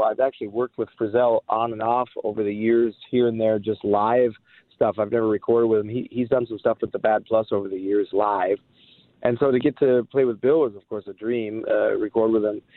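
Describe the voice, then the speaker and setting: A man's voice: mid-range voice, no echo. Guy on speakerphone, tinny phone line, dry and close, chatty with lots of ums. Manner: chatty, loose, many fillers. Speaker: guest musician. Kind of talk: casual interview over the phone.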